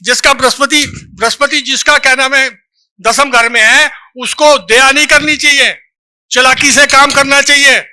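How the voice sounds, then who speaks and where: A seminar speaker lectures a live audience, reciting lines of verse from a book and quizzing listeners with brief questions. His voice is very high-pitched, steady, bright and forceful, at a normal speed.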